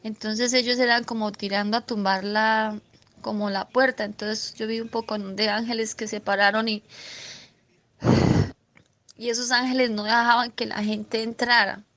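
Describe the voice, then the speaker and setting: A woman earnestly recounting a religious vision in a spoken testimony, halting often and restarting her sentences. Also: fairly high pitch, flat delivery, fairly bright tone. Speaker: believer sharing a vision testimony.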